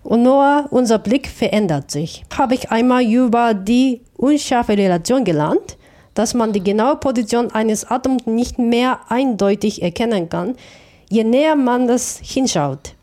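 Artist woman from Japan, Japanese native speaker, warm mellow tone, measured and reflective, some self-corrections. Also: on the high side. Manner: careful, thoughtful, with small restarts. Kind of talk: interview answers.

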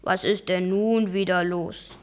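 A young reader voicing a calm, stern old professor uncle in a storybook reading, speaking slowly and evenly. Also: female voice, a little high. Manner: slow, calm and measured. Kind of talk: read-aloud storybook voice.

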